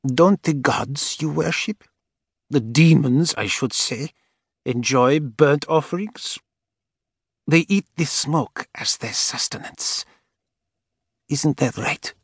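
Guy doing a bitter old lady, slow hissy sneer, pitched way up, dry close sound. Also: slightly rough, no room sound, exaggerated voice. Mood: mocking. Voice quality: cold, dry, sibilant. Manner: slow, mocking, sweetly venomous. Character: spiteful scheming old woman, thin and cold. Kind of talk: audiobook character voice.

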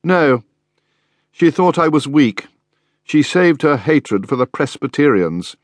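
A male audiobook narrator playing a gentle, remorseful middle-aged father who speaks softly and apologetically. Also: on the high side, sing-song, takes it slowly, no room sound, clean studio sound, voice pushed up. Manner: soft, apologetic.

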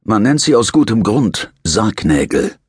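A man voicing a blunt, sardonic male prison nurse who talks in a brisk, scolding way. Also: lowish voice, sing-song, slightly rough, no room sound, studio quality, voice pushed up, exaggerated voice.

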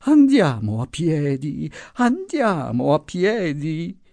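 A man's voice: a little high, huge pitch swings, slow, vocal fry, dark tone, dry recording, voice pushed up, exaggerated voice. A man putting on a feeble, quavering old woman. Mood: pleading. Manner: plaintive, moaning pleas. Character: frail elderly woman, timid and fearful. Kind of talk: audiobook character voice.

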